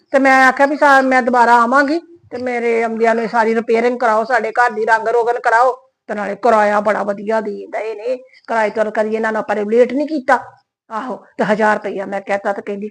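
A woman's voice: fairly high pitch, lightly acted. A woman playing a domineering middle-aged landlady who scolds her tenants. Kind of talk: skit acting.

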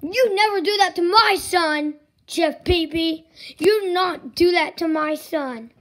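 A woman voicing Bowser, a bossy male monster king, loud and scolding in a home toy skit. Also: extremely high pitch, lively intonation, slow pace, creaky, heavily acted. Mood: angry.

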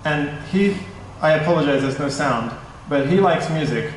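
A young man talks a meetup crowd through his product in a casual, slightly nervous way, often correcting himself mid-sentence. His voice sits a little high for a man. The sound is distant and washed in heavy hall echo, with faint room noise behind. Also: expressive, normal speed. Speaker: tech startup presenter. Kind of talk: conference presentation. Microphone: stand mic at a distance. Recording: echoey hall, mic at a distance.

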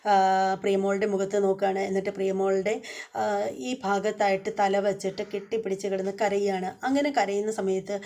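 Woman host recapping a soap episode, chatty and halting, warm mellow tone. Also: medium pitch, flat delivery. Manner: chatty, many fillers and restarts, inclusive "our". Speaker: serial review host. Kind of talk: casual retelling of a TV serial episode.

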